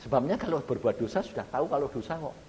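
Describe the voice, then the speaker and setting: A man preaching a sermon in with a tinge, telling a story animatedly, rising to loud emotional peaks and asking the congregation direct questions. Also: animated, very fast. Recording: reverberant hall with faint rumble.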